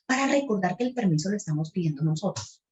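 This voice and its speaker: A Colombian woman teaching a teacher-training workshop, retelling a classroom example in a lively way and acting out the voices of the children and the teacher. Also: fairly low pitch, quick pace. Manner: animated, acts out the children and teacher in quotes.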